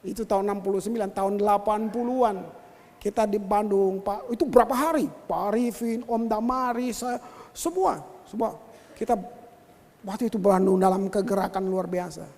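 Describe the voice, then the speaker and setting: A male pastor preaching a sermon, telling stories in an animated way and addressing his listeners directly. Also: high-pitched, normal speed. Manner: animated storytelling, addresses listeners as brothers and sisters. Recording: long hall reverb.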